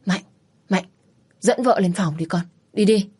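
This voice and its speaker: A woman's voice: mid-range voice, a little slow, a little mellow, husky. Woman voicing older mother-in-law, worried, pleading, urging, raised voice.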